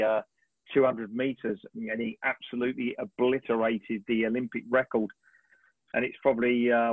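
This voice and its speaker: A husky man in his fifties tells long, animated stories about his work, clearing his throat now and then. His voice sits in the middle range and comes through a thin, phone-like video call. The sound is dry, with no room around it. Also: medium pitch, dry recording. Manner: animated, rambling storyteller with frequent throat clearing. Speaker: sports photographer guest. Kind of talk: relaxed anecdotal storytelling on a webinar.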